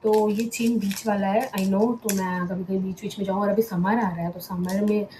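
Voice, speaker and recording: A young woman talks her way through her packing at home at night, musing aloud in a relaxed, chatty way. She often drops her voice to a hush, close to a whisper. The room rings with echo and a steady background noise sits under her. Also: medium pitch, normal speed. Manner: chatty, thinking aloud, mixing in English words. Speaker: vlogger. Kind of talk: casual packing vlog chat.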